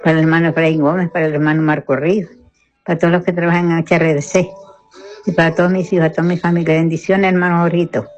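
An older woman, a radio listener, speaking in a phone voice message played back on air, slow and pleading as she asks for prayers, sounding unwell and weary. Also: deep voice, flat delivery, lo-fi sound, faint music behind.

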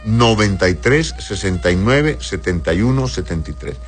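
Speaking in a fairly low, animated voice at a moderate pace, a male doctor reads health questions aloud on a live advice show while faint music plays. His answers are tender and affectionate, and he addresses callers as "corazón."

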